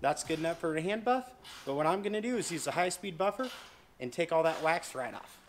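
This is a boat dealer and channel host in his thirties, relaxed and folksy, demonstrating a practical boat fix as a casual tutorial. He talks fairly quickly in a voice that's a touch high for a man. Recorded from a distance in a spacious showroom, the audio carries a steady background hiss.

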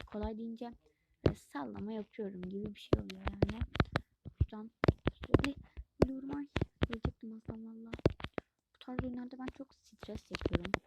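Woman, gaming channel host, chatty and easily stressed, fairly high voice, loud noise and clicks behind. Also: gravelly. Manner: chatty, easily stressed, frequent exclamations and soft whispered asides. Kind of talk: casual let's-play commentary.

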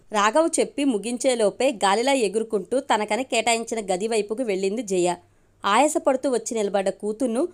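Woman, Telugu accent, audio storyteller, scripted narration, slightly high voice. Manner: reads every character's lines in her own voice.

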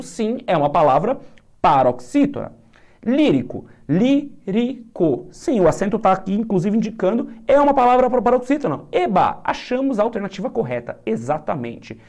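A man's voice: high-pitched, a little mellow. Upbeat male teacher, chatty. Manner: upbeat and chatty, drawing out key words slowly. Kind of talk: casual exam walkthrough lesson.

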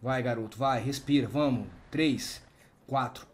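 A man with a Brazilian Portuguese accent playing a firefighter medic in a game roleplay, urgent and commanding, counting out loud as he works. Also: medium pitch, a little slow. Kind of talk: game roleplay over voice chat.

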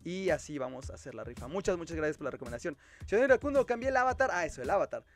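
Livestream host, male, Mexican accent, high voice, chatty and friendly with viewers, soft music underneath. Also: big pitch swings, very fast. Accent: Mexican Spanish. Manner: chatty, reads viewer comments aloud and replies. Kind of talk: casual livestream chat.

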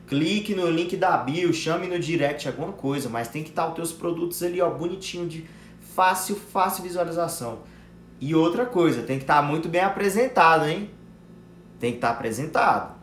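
A young man with a Brazilian accent teaching a live class on online sales, blunt and slangy, swearing and calling viewers brother. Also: a little high. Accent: Brazilian Portuguese. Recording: echoey room with faint ambient noise.

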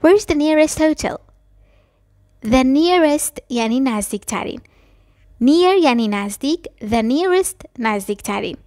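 A woman teaching a language lesson, explaining quickly and then repeating short phrases slowly and carefully. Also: sits high, lively intonation, a little mellow, no echo, studio quality. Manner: switches between fast explanations and slow, careful repetitions. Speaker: English teacher.

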